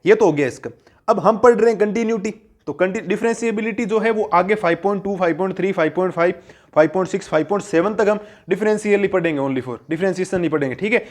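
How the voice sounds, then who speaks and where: Talking fast, a high-voiced math teacher works through a classroom lesson, raising questions he then answers himself. He goes over every key point twice so it sticks.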